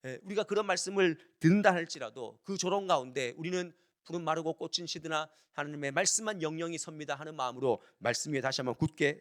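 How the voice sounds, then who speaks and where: A man's voice: on the high side, fairly bright tone. A man preaching a revival sermon, emphatic, repeating phrases and acting out quoted voices.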